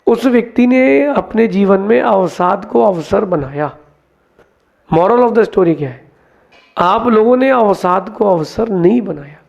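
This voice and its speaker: Male monk, sermon, lively storytelling, high voice, gravelly, dull lo-fi recording. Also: slow pace. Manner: lively teacher, acts out quotes, mixes English words. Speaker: Jain monk giving a discourse. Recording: dull lo-fi sound.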